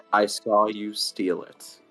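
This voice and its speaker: A man with a lowish voice speaking slowly at a tabletop game, dry and deadpan as he threatens another character. Soft music hums faintly behind him. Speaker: player. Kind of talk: casual tabletop game chat.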